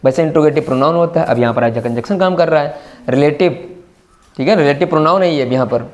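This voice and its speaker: Hoarse schoolteacher man scolding his class. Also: on the high side. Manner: brisk, scolding yet encouraging, often checking understanding. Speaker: teacher. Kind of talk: classroom grammar lesson.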